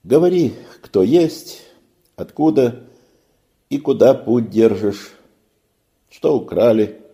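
Stately storybook captain, voiced by a man, firm and kindly, animated delivery. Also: mid-range voice, slow, vocal fry, pitched above the performer's own voice. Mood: sympathetic. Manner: commanding but kindly. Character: middle-aged male ship captain, stately, sympathetic.

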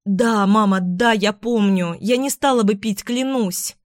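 A woman's voice: a little slow, no room sound, clean studio sound, close to an everyday voice. A woman doing a sobbing, terrified young girl. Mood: pleading. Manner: high, sobbing, desperate pleading. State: crying. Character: frightened young girl pleading in tears. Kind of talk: audiobook character voice.

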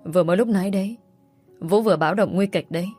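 A woman's voice: fairly low pitch, fast talker, dark tone, faint music behind, natural voice. A woman voicing a young mother tearfully begging for her sick son's life. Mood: despairing. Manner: pleading, tearful.

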